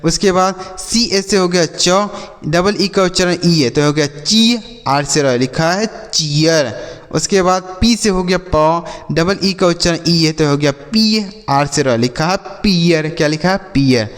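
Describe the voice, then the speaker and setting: Male phonics teacher, slightly high voice, drills and quizzes kids, long reverb on the recording. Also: measured pace. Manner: repeats words and quizzes children with call-and-response questions. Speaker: English teacher. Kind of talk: classroom-style phonics lesson.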